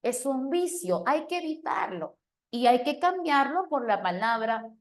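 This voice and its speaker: A woman teacher giving an animated lesson, often checking in with her listeners. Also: sits high, unhurried. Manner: animated, questioning, keeps asking "¿sí o no?". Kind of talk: lively classroom lesson.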